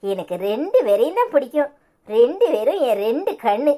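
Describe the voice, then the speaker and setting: A woman voicing a kindly, emotional elderly grandmother in a cartoon, speaking with a Tirunelveli Tamil accent in a soft, fond way. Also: high voice, very animated, normal speed. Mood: doting. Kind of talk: cartoon voice acting.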